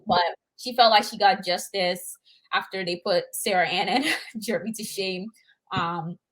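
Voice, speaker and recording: A woman's voice: mid-range voice, fairly even intonation, measured pace, fairly bright tone, rough recording. A woman co-hosting a casual podcast chat, opinionated but hedging her points. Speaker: podcast co-host.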